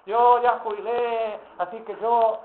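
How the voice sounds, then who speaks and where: A preacher doing a whiny complainer, sighs and moans up high, tinny echoey sound. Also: male voice, fairly even intonation, very noisy. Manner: moaning drawn-out "ay" sighs. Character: whining self-pitying churchgoer making excuses. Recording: tinny phone-like sound, roomy echo.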